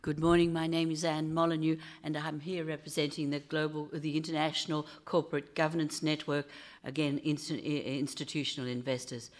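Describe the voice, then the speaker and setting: A woman giving a formal, measured self-introduction at a round-table meeting. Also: low-pitched, little pitch movement. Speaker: meeting participant.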